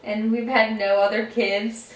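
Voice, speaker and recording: A woman's voice: mid-range voice, flat delivery, unhurried. A young woman chatting casually as a family vlogger, recorded in an echoey room at some distance from the mic. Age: young adult. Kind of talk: casual chat to camera and on calls.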